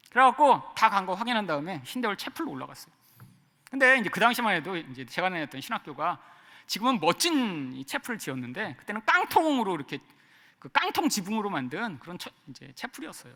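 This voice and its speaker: A middle-aged man preaching a sermon as a pastor, telling a personal story in an animated way. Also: sits high, long reverb tail. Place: church sanctuary.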